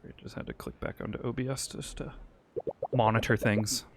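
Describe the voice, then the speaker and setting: A man's voice: medium pitch, steady tone, fairly quick, vocal fry, noisy background. A man co-hosting a gaming show, commenting casually on a game with jokes and frequent laughs. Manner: joking, laughs often, bossy directions.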